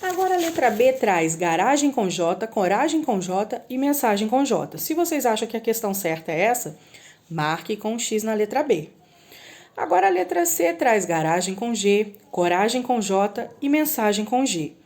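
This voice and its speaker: A patient woman guides young children through a recorded lesson. Her voice sits a little high, and she stretches each example word out slowly. She keeps checking that they follow along. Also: very animated, darkish tone. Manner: patient, drawn-out word spelling with frequent "tá?" checks. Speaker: primary school teacher.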